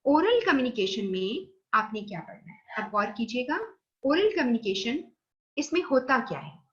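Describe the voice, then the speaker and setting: Lecturer, female, Pakistani accent, fairly high voice, teaching from slides in a lo-fi recording. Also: sing-song, normal speed, a bit bright. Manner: explains slide points, checks understanding with "theek hai"; mixes English terms into Urdu explanation.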